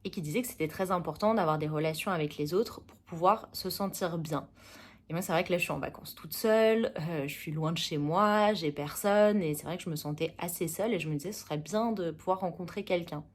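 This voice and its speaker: Thoughtful young french woman telling a story to camera, lots of pauses, lower voice. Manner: calm, thoughtful, with many pauses and "euh"s. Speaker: travel vlogger.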